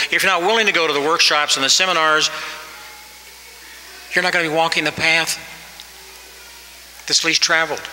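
This sixty-something man's commencement address comes through a podium mic in a large, reverberant hall with faint ambience and a slight hiss or hum. His voice runs a little high, bright and forceful, and he's earnest and exhorting, pushing it up for emphasis.

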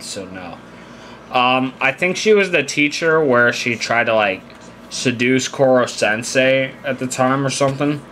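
A man's voice: mid-range voice, a bit bright, slight background noise. A young man streaming a game, chatting casually in a rambling, laid-back way and laughing easily. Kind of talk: casual gaming stream chat.

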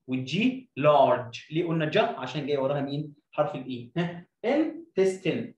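A man's voice: fairly high pitch, sing-song, fairly quick, a little mellow, roomy sound, far from the mic, dull audio. A man with an Egyptian Arabic accent teaching an English lesson, drilling pronunciation by repeating sounds. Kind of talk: video lesson.

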